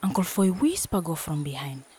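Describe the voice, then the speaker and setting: A woman's voice: lowish voice, very animated, moderate pace, warm tone, husky. A woman with a Solomon Islands accent narrating a storybook expressively in Solomon Islands Pidgin.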